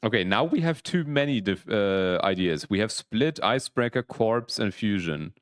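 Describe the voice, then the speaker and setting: A man's voice: fairly low pitch, expressive, moderate pace, no room sound, studio quality. Rambling young man streaming. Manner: rambling, restarts, explaining rules to chat. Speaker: streamer, PhD student. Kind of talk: casual livestream chat.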